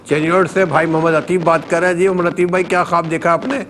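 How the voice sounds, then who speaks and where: A man's voice: a little high, level tone, a bit bright, slight background noise. A man hosting a live call-in TV show, politely greeting callers and repeating their words back to them.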